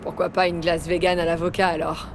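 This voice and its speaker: A woman's voice: lowish voice, level tone, brisk, natural voice. Woman as blunt streetwise mercenary, noisy background. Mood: wry. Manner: casual, sceptical, slangy. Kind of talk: casual video game dialogue.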